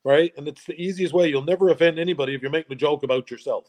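A middle-aged man with a voice pitched a little above most men's. He talks in a loose, chatty way, laughing easily and stumbling over repeated words at the start of his sentences. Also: rapid-fire, a little mellow. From Newfoundland, Canada. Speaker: guest, local tourism voice. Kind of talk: casual chat.

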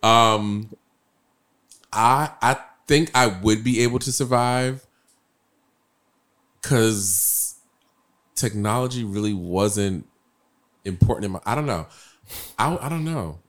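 A man co-hosting a casual chat, joking and musing in a relaxed, drawn-out way. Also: fairly low pitch. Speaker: podcast co-host.

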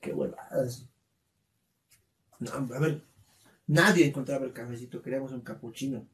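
A man's voice: medium pitch, normal speed. A man with a Bolivian accent, co-hosting a podcast and telling a story in casual, slangy chat. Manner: animated, laughing, slangy storytelling. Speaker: podcast co-host. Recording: roomy, distant from the mic.

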